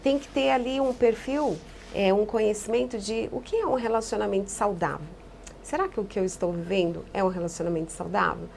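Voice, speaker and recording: Gravelly-voiced woman psychologist explaining calmly. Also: medium pitch, a little fast, slight background noise. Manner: calm, explanatory, repeats key phrases. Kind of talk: podcast interview answers.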